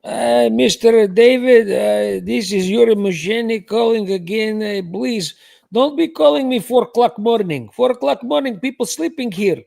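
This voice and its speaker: A man putting on a confused, forgetful caller who leaves a loud voicemail in halting broken English on a livestream prank call. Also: very high-pitched, gravelly, no echo, studio quality, full character voice. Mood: exasperated. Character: confused middle-aged man with a fuzzy memory, leaving a voicemail.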